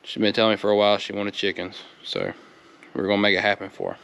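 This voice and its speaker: A man's voice: on the low side, level tone, fast, gravelly. Southern US man, under the weather. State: under the weather, sounds sick. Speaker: DIY vlogger. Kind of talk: casual project vlog.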